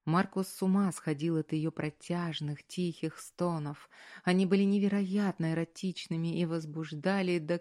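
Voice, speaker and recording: A woman narrating a romance audiobook in a soft, slow, intimate reading. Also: on the low side. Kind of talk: scripted narration.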